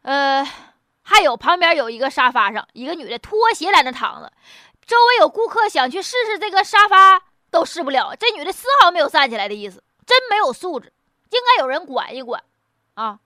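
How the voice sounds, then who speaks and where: A woman's voice: sits high, big pitch swings, brisk, pushed and bright, no room sound, studio quality. A woman with a Northeastern Chinese accent giving casual, humorous news commentary in a blunt, mocking, colloquial way full of rhetorical questions. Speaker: host.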